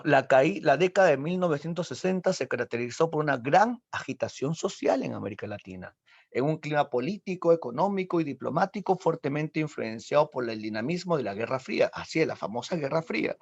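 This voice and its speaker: A male literature teacher acting out a story with lively quoted voices during an exam-prep lesson. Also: mid-range voice, fairly quick, creaky, slightly rough. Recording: dull lo-fi sound.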